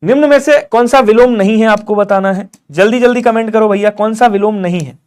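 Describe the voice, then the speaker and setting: A man with a high-pitched voice runs a live online exam-prep class. He keeps pressing viewers to comment fast and voices the students' answers himself. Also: a little mellow, smooth. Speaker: Hindi teacher.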